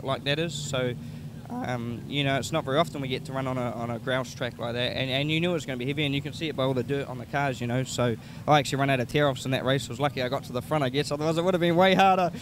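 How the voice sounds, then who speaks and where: A man's voice: mid-range voice, quick pace. A man with a broad New Zealand accent, a racing driver chatting casually in a post-race interview. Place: outdoors in speedway pits. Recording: noisy outdoor pits, vehicles behind.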